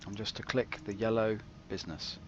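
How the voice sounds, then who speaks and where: Rambling, dryly comic man, slightly low voice. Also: steady tone, fairly quick, dull audio, slight background noise. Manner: dry, self-mocking, digressive. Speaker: gaming video host. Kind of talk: rambling, comic game commentary.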